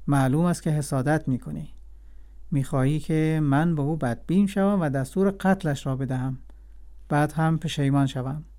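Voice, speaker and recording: Brief: man reading as a commanding, hot-tempered king, somewhat high and mellow voice, storybook telling. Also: close to an everyday voice. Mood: stern. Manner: commanding, quick to rage. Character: angry suspicious old king.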